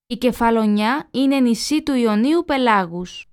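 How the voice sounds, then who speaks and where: A woman reading a language lesson aloud, slowly and clearly, sentence by sentence. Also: a little high, animated, darkish tone. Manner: slow, clear dictation of sentences.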